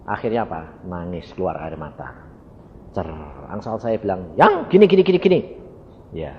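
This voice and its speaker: A middle-aged man with a deep, sing-song voice tells a story as he preaches at a moderate pace, acting out dialogue and calling the congregation "brothers." The hall recording is dull and reverberant, with slight background noise.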